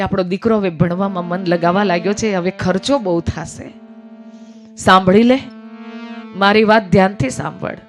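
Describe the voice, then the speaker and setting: A woman narrating a devotional story, emotionally voicing a father, mother and son. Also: medium pitch. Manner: emotional storytelling, voices the characters' pleas. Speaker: religious storyteller. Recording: faint music behind voice.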